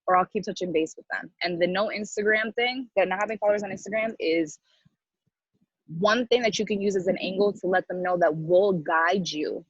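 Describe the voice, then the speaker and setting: A sales team coach leads a training call in a casual, motivational style, blunt and slangy, emphatically repeating her key phrases. Her voice is lowish and husky, and the recording has no echo but sounds dull and lo-fi.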